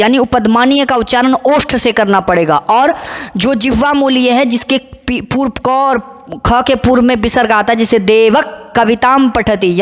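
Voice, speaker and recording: Methodical woman teaching in a reverberant room. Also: a little high. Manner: methodical, counts and lists letters aloud. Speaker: Sanskrit teacher. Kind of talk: explanatory lesson.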